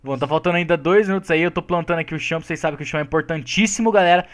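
A man with a high voice rattles off quick, excitable commentary as he plays. He pleads with his partner for help and talks to the viewers in casual gameplay banter. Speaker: gaming channel co-host.

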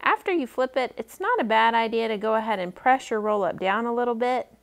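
Fairly quick and expressive, with vocal fry in a voice on the high side, a woman in her thirties demonstrates a recipe for children at a library program. She breaks it into simple steps and keeps her guidance friendly and encouraging.

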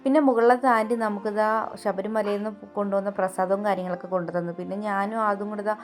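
A woman's voice: medium pitch, fairly even intonation, quick pace, faint music behind. A young Malayali woman narrating her Sunday at home in a chatty voice-over, often adding little tag questions. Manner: chatty, keeps adding "കേട്ടോ". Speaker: home vlogger, mother.

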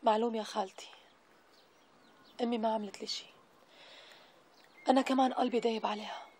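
An actress with a Syrian accent playing a young wife, hurt and tearful, in a TV drama. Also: female voice, a little high, steady tone, fast, darkish tone, slightly rough. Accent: Syrian Arabic. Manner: tearful, wounded.

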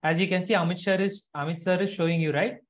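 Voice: mid-range voice, fairly even intonation, quick pace. A teacher explaining a craft to children step by step in an online class, repeating instructions and checking they follow. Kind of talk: live instructional lesson. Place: online video call. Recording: dull lo-fi video call audio.

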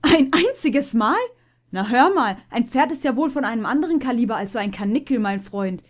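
A sly, sarcastic stallion, as a woman reader puts him on. He mocks and teases in a raised, lively storybook voice. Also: high voice, moderate pace. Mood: mocking. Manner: mocking, sarcastic. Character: sly wry male stallion, teasing.

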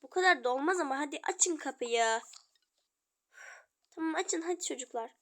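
A woman's voice: high-pitched, expressive, normal speed, a bit bright. A young woman voicing a fussy, caring mother in a toy role-play game, coaxing and scolding her sulky children. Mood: pleading.

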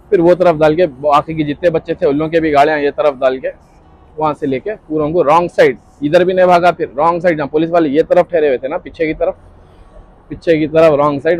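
A man's voice: a little high, a little mellow. A young man, a vlogger telling a rambling story in casual chat and acting out the lines of the people in it. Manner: rambling, reenacts dialogue. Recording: dull lo-fi audio with faint music.

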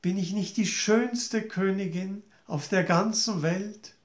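A man's voice: high voice, slow, pitched above the performer's own voice. A man voicing a vain, jealous queen who sighs and pleads plaintively, in a storybook tale. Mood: sweetly asking. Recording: roomy echo.

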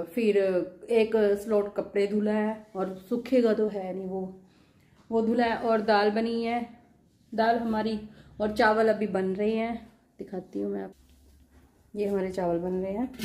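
A woman in her thirties, a mother chatting casually to her viewers from her home kitchen while doing chores and gently scolding her child. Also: medium pitch. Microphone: phone camera.

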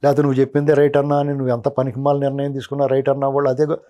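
A man speaks quickly in a dark, mellow voice as a political analyst. His commentary is heated and scolding, as though he is talking straight at the politician he criticizes. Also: medium pitch, monotone. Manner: scolding, addresses the politician directly as you.

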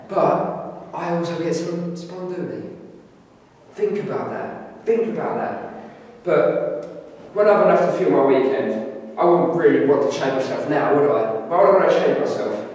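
A man's voice: on the high side, a little mellow, close to an everyday voice. A young man playing a cocky party lad in a sweary, slangy, emphatic monologue to camera in a classroom. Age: young adult. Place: indoor classroom. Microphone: camera a few metres away. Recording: echoey room, distant mic, faint noise.

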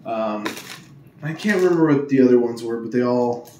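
Hushed, monotone man opening cards. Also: mid-range voice, normal speed. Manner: monotone, hushed tone to avoid waking others; rambling with many ums and uhs. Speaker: Pokemon card opening YouTuber. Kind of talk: casual hushed pack-opening vlog. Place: at home indoors. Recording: echoey room with faint ambient noise.

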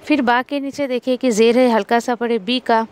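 A woman from India teaching Quran recitation rules, explaining each sound patiently and repeating syllables slowly to show them. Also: a little high, steady tone, a little mellow, clear, resonant tone. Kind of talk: tajweed lesson, explaining and modelling recitation.

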